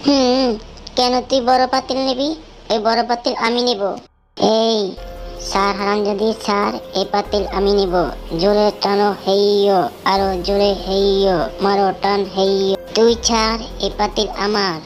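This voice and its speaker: A woman's voice: mid-range voice, flat delivery, normal speed, soft background music, natural voice, poor audio. A woman voicing a greedy, quarrelsome jackal wife with a bossy, scolding manner in a cartoon story. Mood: quarrelling. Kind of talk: exaggerated cartoon story acting.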